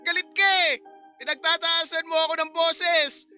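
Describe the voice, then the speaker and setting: Childlike simple-minded young husband, a woman doing him, high bright voice, keeps repeating himself, radio drama. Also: flat delivery, normal speed, faint music behind, heavily acted. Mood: fixated, insistent. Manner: repetitive, insistent, childlike.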